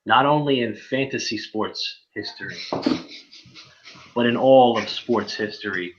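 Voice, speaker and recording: A man's voice: mid-range voice, a little slow, highs cut off. A man trash-talking a fantasy football rival with mock-grand claims and swearing. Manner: mock-grandiose trash talk, swears, laughs at own jokes. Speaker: fantasy league player. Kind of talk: trash-talking casual banter.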